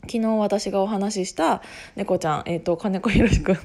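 A podcast host makes an announcement in a casual solo chat, her medium-pitched voice carrying a hoarse, husky edge and a darkish tone. She talks briskly and rambles, cutting into her own sentences, circling back, and often laughing at herself.

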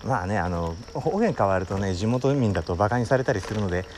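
A man from Wakayama hosting his own talk show at his family home, explaining in an unhurried way as he thinks aloud. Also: fairly low pitch, animated, darkish tone, a little hiss or hum. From Wakayama, Japan. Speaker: podcast host. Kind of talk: casual solo talk.

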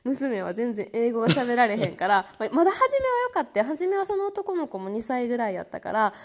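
A woman's voice: on the high side, sing-song, fast talker. A woman with a Kansai accent, a mother co-hosting a podcast and telling stories in casual chat, laughing often. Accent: Kansai Japanese. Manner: chatty storytelling, laughs often.

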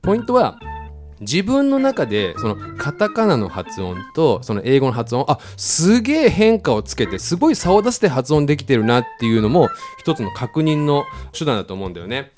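A man's voice: mid-range voice, very animated, normal speed, a little mellow. A man teaching English pronunciation in a casual lesson, repeating words to demonstrate the sounds. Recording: faint background music.

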